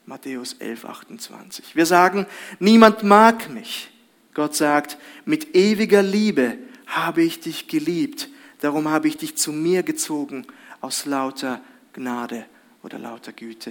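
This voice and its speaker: A man preaching a sermon in an earnest, exhorting way, rising loud on a point and dropping quiet when he cites scripture. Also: fairly high pitch.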